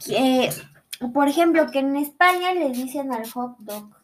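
A woman's voice: sits high, lively intonation, a little slow. A young Mexican woman rambling sarcastically through a playful, comedic explainer. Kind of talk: casual comedic explainer monologue.

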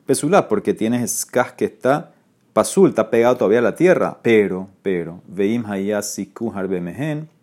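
A man teaching a Talmud class online. He explains the Gemara lively, mixes Hebrew and Aramaic terms into his speech and rises sharply when he quotes the rabbis. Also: lowish voice, normal speed.

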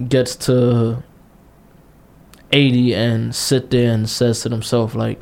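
His delivery is slow and flat, a medium-pitched voice with vocal fry and a slightly mellow quality. The speaker, a man in his late twenties, co-hosts a casual podcast where he talks bluntly and passionately, repeating points and cursing constantly.

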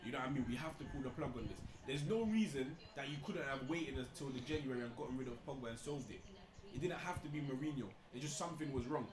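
A man's voice: medium pitch, fast talker, echoey room, a crowd in the background, rough recording. A man with an urban London accent giving opinionated, slangy football talk as a podcast panellist. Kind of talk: casual opinionated football debate.

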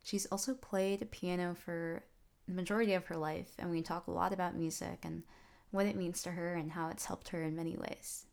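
A woman's voice: on the low side, steady tone, normal speed, creaky, a little mellow. A young woman hosting a podcast, chatting casually and laughing often with a friend over a video call. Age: young adult. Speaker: podcast host. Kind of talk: casual interview.

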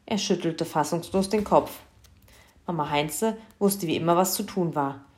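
A woman reading a children's Christmas story aloud in a lively, expressive way. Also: fairly low pitch, a little slow.

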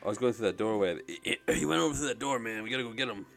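A man's voice: medium pitch, lively intonation, rapid-fire, vocal fry, fairly bright tone, soft background music. A man playing a tabletop game, correcting himself as he talks about his rolls. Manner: fumbling, self-correcting. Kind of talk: casual game chat.

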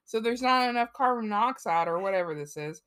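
A woman's voice: medium pitch, animated, a little fast, fairly bright tone, smooth. A young woman co-hosting a podcast, chatting casually and laughing as she rambles through a story. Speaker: podcast co-host. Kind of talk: casual chat.

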